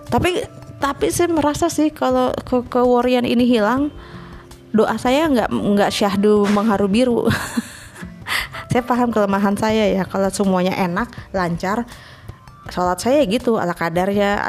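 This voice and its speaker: A woman's voice: medium pitch, a little mellow. Woman, casual solo talker, chatty and laughing, faint music underneath. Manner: chatty, laughs often, mixes in English words. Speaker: freelance scriptwriter. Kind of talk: casual personal monologue.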